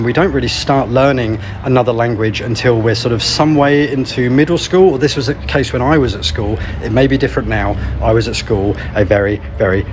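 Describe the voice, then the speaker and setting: British man vlogging in a street. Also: mid-range voice. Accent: British English. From United Kingdom. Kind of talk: talking to camera. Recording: outdoor street noise.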